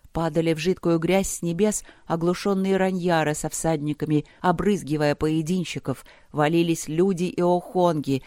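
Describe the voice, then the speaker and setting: An audiobook narrator reading a dark fantasy battle in a measured, dramatic storytelling manner, close to the mic. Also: mid-range voice, no echo. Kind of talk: scripted narration.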